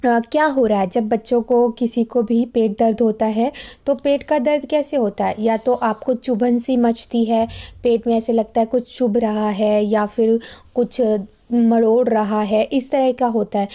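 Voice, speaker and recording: A woman's voice: a little high, mellow. A woman teacher patiently explaining a textbook story, asking questions and answering them herself.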